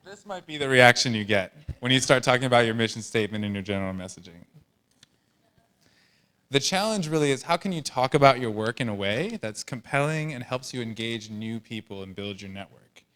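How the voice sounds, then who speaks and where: A man's voice: medium pitch, a bit bright. A man giving a conference panel presentation in an upbeat, conversational way. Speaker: nonprofit communications presenter.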